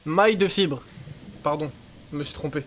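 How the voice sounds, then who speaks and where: Higher-voiced young man joking crudely. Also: normal speed, a little hiss or hum. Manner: crude joking, self-mocking. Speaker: streamer playing a survival game. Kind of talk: casual gaming banter.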